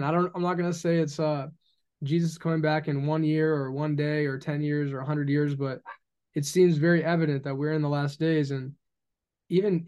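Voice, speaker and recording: A young man in his early twenties with a slightly high voice talks faith on a podcast. He is earnest and preachy, piling up repeated phrases as he makes his point. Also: warm tone. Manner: earnest and preachy, acts out mock dialogues. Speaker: podcast guest. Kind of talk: casual podcast conversation about faith.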